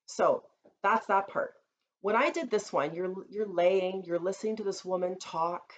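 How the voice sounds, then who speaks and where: A woman vlogger telling a personal story in an earnest, reflective way, often pausing with fillers. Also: fairly low pitch. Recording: slightly dull recording with faint room noise.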